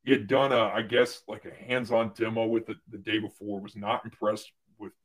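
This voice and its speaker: A young man, a guest on a livestream, telling a work story casually with lots of "like" and restarts, getting loud when he quotes someone. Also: on the low side, normal speed. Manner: animated storyteller, fillers and restarts, loud when quoting others. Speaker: guest, former medical device rep.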